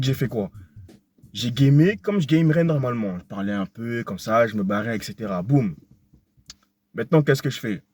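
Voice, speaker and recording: A man's voice: a little high, darkish tone. A young man giving dating advice in a casual, slangy monologue, talking straight to the listener and repeating himself often. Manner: slangy, repetitive, addresses listener directly.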